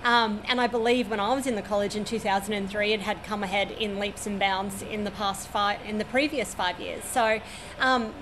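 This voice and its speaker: A woman in her forties with an Australian accent works as an air traffic controller at a regional airport, and she gives detailed, matter-of-fact interview answers while overlooking the runway. Her voice sits in the mid range, her intonation stays fairly even, and she talks at a moderate pace.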